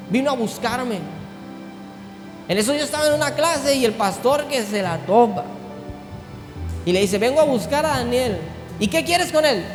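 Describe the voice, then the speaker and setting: A pastor preaching a sermon, moving from low, intimate tones up to shouted climaxes. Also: male voice. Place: large church hall. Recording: echoey hall with music behind.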